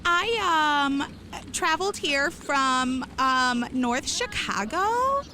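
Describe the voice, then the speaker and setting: A woman's voice: high-pitched, expressive, drawn-out words, bright, forceful tone, a little hiss or hum, exaggerated voice. A woman voicing a dopey, earnest, proud cartoon dinosaur mascot in an improvised comedy interview. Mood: earnest, defensive.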